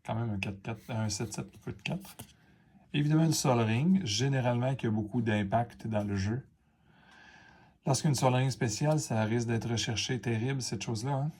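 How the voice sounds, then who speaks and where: A man's voice: medium pitch, moderate pace, a little mellow, slightly rough. Chatty Quebec man opening cards. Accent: Quebec French. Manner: rambling, many fillers and asides. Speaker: card-opening video host. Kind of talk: casual unboxing chat to camera.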